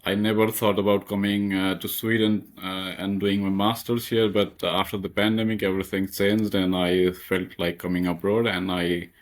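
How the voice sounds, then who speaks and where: Low-voiced young man from Nepal. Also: level tone, moderate pace, hardly any pauses. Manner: hesitant, many fillers and restarts. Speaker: guest, master's student. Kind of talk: interview.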